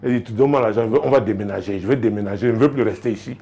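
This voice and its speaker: A male pastor giving marriage advice in a lively talk show, telling stories with frequent laughter and sudden excited rises in his voice. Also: rapid-fire, husky, muffled recording. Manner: animated, joking, laughs often, rises sharply in pitch when excited.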